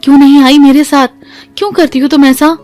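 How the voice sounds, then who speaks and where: A woman voicing an insistent young husband who presses his wife, in her own fairly high voice. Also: steady tone, brisk, a little mellow, dry recording, soft background music, lightly acted.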